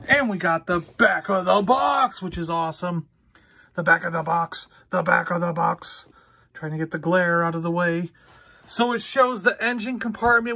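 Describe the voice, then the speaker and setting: Unhurried man unboxing a toy. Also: sits high, pushed and bright, slight background noise. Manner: rambling, easygoing, talks while handling the toy. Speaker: toy reviewer and podcast host. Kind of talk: casual toy unboxing commentary.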